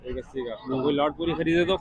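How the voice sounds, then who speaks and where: A man's voice: on the high side, fast talker, lo-fi sound, crowd noise. A man with a Pakistani accent giving casual on-site commentary as a market vlogger, chatting to viewers and questioning traders, often repeating their answers. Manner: addresses viewers as brothers, repeats what traders tell him. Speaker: vlogger and host touring a cattle market. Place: outdoor livestock market on a windy day.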